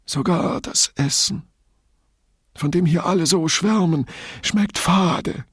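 A man's voice: on the high side, slow pace, slightly rough, no room sound, studio quality, pitched above the performer's own voice, exaggerated voice. A man reading aloud and voicing a cunning, self-pitying blind man with a plaintive, martyred manner.

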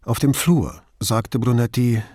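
A man reading an audiobook in measured storytelling narration, close to the mic. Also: mid-range voice, darkish tone, no room sound. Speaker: audiobook reader. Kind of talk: scripted narration.

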